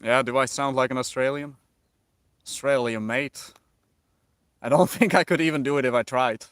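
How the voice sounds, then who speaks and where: Reading chat aloud and pondering viewers' questions, a lightly accented Dutch man keeps things relaxed during his livestream. The studio-quality sound is clean with no room tone, and he talks at normal speed in a medium pitch.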